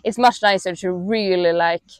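A young woman with a Swedish accent answers interview questions in a relaxed, halting way, leaning on fillers as she talks. She is outdoors in a mountain meadow, and her lapel mic gives a dry, close sound with no reverb. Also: lowish voice, smooth. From Sweden. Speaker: athlete interviewee.

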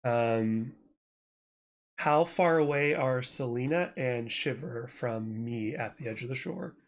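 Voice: medium pitch, takes it slowly. Player planning moves at a tabletop game. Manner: talks through plans, animated. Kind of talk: tabletop game play, casual.

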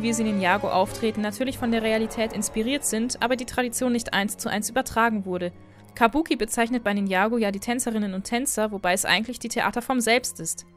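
Narrating a scripted explainer, a female host sounds friendly, with a fairly high, slightly bright voice. She apologizes for her pronunciation as faint background music accompanies the voice-over.

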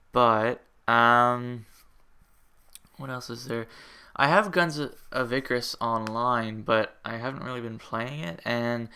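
A man's voice: mid-range voice, pushed and bright, clear, resonant tone. A young man hosting a gaming channel, giving a casual update at home and rambling with lots of fillers and restarts.

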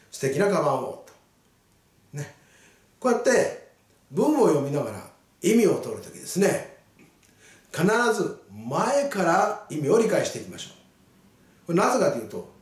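A male English teacher reads short sentences slowly and then explains them with a lively, swinging voice. His voice sits a little high, and he sounds set back from the mic in an echoey room. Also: distant mic. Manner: slow, deliberate reading of English sentences; animated explaining with frequent "ne" tags. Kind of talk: spoken English lesson.

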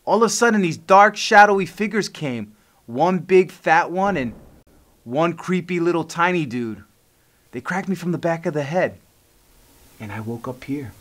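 A man's voice: on the high side, lively intonation, normal speed, fairly bright tone. An actor playing a put-upon male puppet cleaner in a sketch comedy, with casual slangy speech. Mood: bewildered. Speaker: sketch character.

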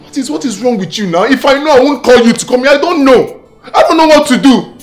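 A frantic young husband, pleads in a high, wildly swooping voice. He repeats himself in a panic, overwrought, in the style of a film comedy. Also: animated, quick pace, music in the background. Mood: distraught. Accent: Nigerian.

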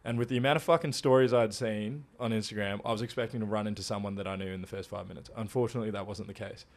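A young Australian man co-hosting a podcast, telling a tall story in a casual, animated way, swearing often. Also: fairly low pitch, racing. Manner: animated, swears a lot, laughs through his stories. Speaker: podcast co-host.

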